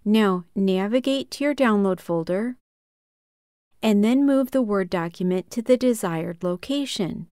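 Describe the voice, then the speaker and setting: Calm woman giving a software tutorial. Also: mid-range voice, clear, resonant tone, no room sound, clean studio sound. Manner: calm, measured, step-by-step instruction. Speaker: tutorial host.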